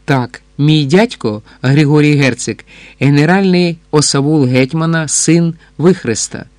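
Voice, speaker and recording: A man's voice: a little high, a little mellow, no room sound, lightly acted. A man reading as a proud, guarded Cossack chevalier. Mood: earnest. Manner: formal, measured. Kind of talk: audiobook dialogue reading.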